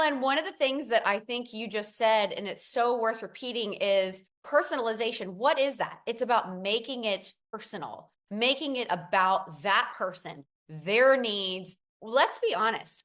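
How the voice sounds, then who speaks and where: A woman's voice: mid-range voice, lively intonation, moderate pace, few pauses, a bit bright. A woman co-hosting a podcast, talking with enthusiastic emphasis and speaking straight to the listeners. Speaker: podcast co-host. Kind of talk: casual podcast chat.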